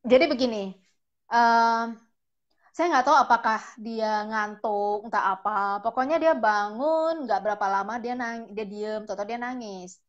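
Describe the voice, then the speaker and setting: A woman, a parent guest, tells about her child in a casual, animated way, exclaiming often. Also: fairly high pitch, unhurried. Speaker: parent guest sharing experience. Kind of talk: casual storytelling. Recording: dull lo-fi livestream audio.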